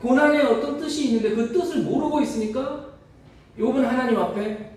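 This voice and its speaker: A man's voice: very high-pitched, fairly quick, darkish tone. A man preaching a sermon to his congregation in a conversational way, putting rhetorical questions to his listeners. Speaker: pastor. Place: church sanctuary. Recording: echoey church hall from far off.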